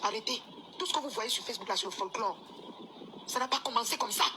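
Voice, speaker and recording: A woman's voice: on the high side, quick pace, background noise. Scolding woman. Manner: scolding, insistent, repeats herself. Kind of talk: angry live video rant.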